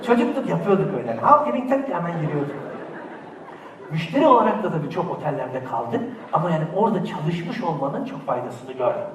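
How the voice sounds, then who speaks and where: A man performing animated stand-up comedy, slipping into mock voices and shouts, heard on a bootleg recording from a large theater audience. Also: a little high. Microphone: bootleg recording from the audience, far from the stage. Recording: echoey, distant bootleg theater recording with crowd noise.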